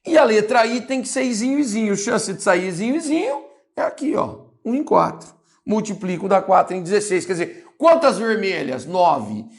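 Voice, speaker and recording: A Brazilian man with a fairly high voice works through an exam problem as a biology teacher. He talks in a lively, chatty way, repeating little cues to keep students with him. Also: normal speed. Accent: Brazilian Portuguese. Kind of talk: exam-solving lesson.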